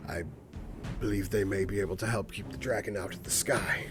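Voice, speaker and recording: A man voicing a battered, wounded commander in a tabletop game, earnest and halting, sighing as if in pain from his side. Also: lowish voice, fairly even intonation, over music, natural voice. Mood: pained, urgent. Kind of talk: tabletop game role-play.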